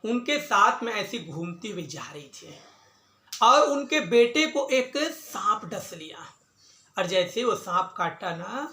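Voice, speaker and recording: A man's voice: high voice, sing-song, slow, sharp tone. A man, a pandit, telling a religious story in an emphatic discourse style. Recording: echoey room.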